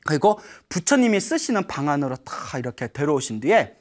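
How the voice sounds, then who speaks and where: A woman's voice: low voice, sing-song, fairly quick, a little mellow. A woman preacher telling a Buddhist story to a live audience, often checking in with them and laughing as she goes. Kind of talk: lively storytelling sermon.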